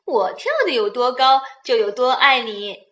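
Woman doing a bright, eager little bunny. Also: a little high, measured pace, dull audio. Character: small eager young bunny, playful and loving. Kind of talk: children's bedtime storybook reading.

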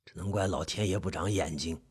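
Gruff old uncle, voiced by a man: hoarse, very deep, slow and scolding. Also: full character voice. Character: old village uncle, gruff, stern barber.

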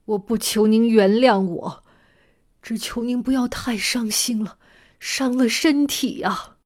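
A woman reading the part of a condemned upright official saying farewell to his mother, in a soft, sorrowful, halting voice. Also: on the high side.

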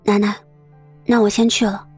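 An earnest, worried young woman, as a male narrator puts her on. The voice sits high and a little husky, and the recording is dry. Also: little pitch movement, moderate pace, a little mellow, dry recording, faint music behind. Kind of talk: audiobook character voice.

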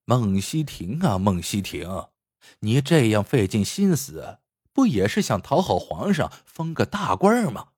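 A man's voice: on the low side, big pitch swings, a little slow, a little mellow, breathy edge, no room sound, clean studio sound, heavily acted. A man voicing an arrogant, scheming court official who speaks in a cold, sneering way.

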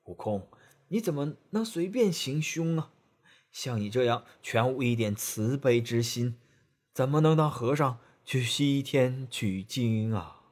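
A man voicing a gentle, preachy male Buddhist monk in a storybook tale, speaking slowly and softly. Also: mid-range voice, expressive. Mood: reproachful. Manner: slow, soft, reproachful.

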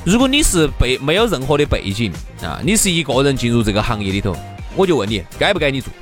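A man's voice: mid-range voice, sing-song, fast, faint music behind. A man with a Sichuanese accent co-hosting a casual comic chat, joking and teasing his partner. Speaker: co-host.

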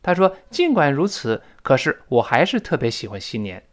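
Male English teacher, lively pitch, spells words out, drills pronunciation. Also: normal speed. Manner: explains in Chinese with English example sentences. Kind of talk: spoken English lesson.

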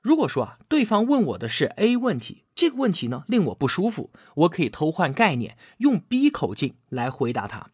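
A man with a slightly husky voice and a fairly high, lively pitch walks through a book's ideas in scripted narration. He leans on drawn-out filler particles and acts out quoted lines. The recording is dry and close. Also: no echo. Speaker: book explainer.

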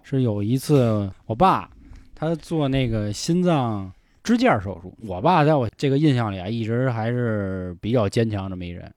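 Male podcast host, frank reflective chat, mid pitch, dry studio mic. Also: expressive, normal speed, a little mellow, no echo. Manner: frank, swears a lot, reflective. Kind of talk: casual chat.

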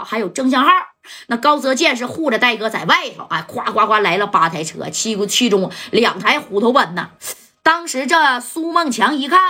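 A woman tells a story in a casual, chatty style. Her voice is bright and fairly high, with a husky edge. She keeps turning to the listeners with quick questions.

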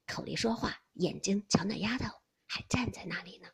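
A woman narrating a classic novel audiobook in an expressive storytelling manner. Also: medium pitch, normal speed, vocal fry, breathy edge, in a whisper.

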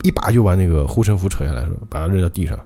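Male podcast host, ghost story narration, dramatic, animated delivery, low warm voice. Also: very fast.

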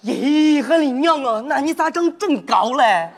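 A man's voice: extremely high pitch, animated, normal speed, creaky, some chatter behind, heavily acted. A man playing an eager, boastful young army cook, speaking in a with folksy, exaggerated exclamations in a stage comedy sketch. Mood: excited, scolding. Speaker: cook soldier.

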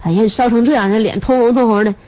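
A woman quoting a worried middle-aged cab driver with a Northeastern Chinese accent, coaxing and exasperated by turns. The voice sits fairly high. It comes through a dull, muffled radio recording. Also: steady tone, very fast, noisy background, close to an everyday voice.

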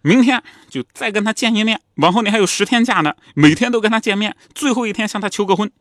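A man voicing an anxious aristocratic mother who nags her grown son to marry fast. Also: a little high, sing-song, a bit bright, no echo, clean studio sound, pitched above the performer's own voice. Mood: insistent. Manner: nagging, insistent.

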